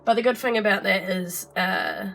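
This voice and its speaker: A woman's voice: medium pitch, normal speed, gravelly, a bit bright, a little hiss or hum. A woman in her thirties, chatty and rambling with fillers and laughs, vlogging casually from her home art desk while her voice sounds sick. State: sick, rough voice. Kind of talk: casual vlog to camera.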